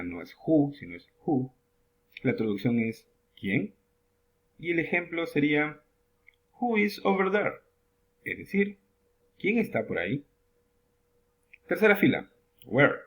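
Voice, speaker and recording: A man teaches English in a lesson, with a voice that swings up and down a great deal as he lifts his pitch to announce each new word. He reads the example questions slowly and carefully before translating them. His pitch sits right in the middle for a man. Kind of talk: classroom lesson narration.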